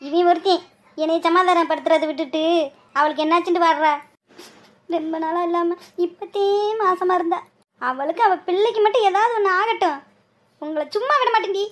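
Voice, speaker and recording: A woman plays a fiery old village mother-in-law in a cartoon, scolding and wailing in a Madurai Tamil accent. The voice sits very high and shrill for an older woman. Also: steady tone, a little fast. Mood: lamenting. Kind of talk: cartoon voice acting.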